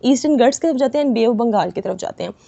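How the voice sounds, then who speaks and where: A woman teaching an exam-prep lesson over a screen recording, reading English lines slowly and explaining them with constant "theek hai" checks. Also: a little high, animated, creaky, mellow. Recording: dull lo-fi voice-over.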